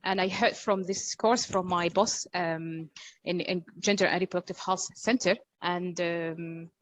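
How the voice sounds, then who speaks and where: A woman with a Sudanese accent introducing herself in an online class, halting as she searches for words. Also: fairly low pitch, fairly even intonation, a little hiss or hum. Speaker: course participant, doctor and lecturer. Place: online video call.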